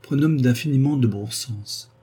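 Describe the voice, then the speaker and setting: A man voicing an old indebted baron who speaks calmly and suavely, with irony, in an audiobook. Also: medium pitch, normal speed, husky, pitched above the performer's own voice. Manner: calm, suave, ironic. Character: old smooth-talking indebted male baron.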